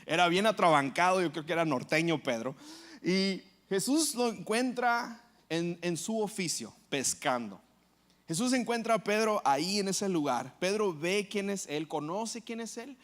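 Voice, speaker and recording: A man's voice: high-pitched, lively intonation, unhurried. A man preaching a sermon as pastor, telling a story and acting out the quoted lines.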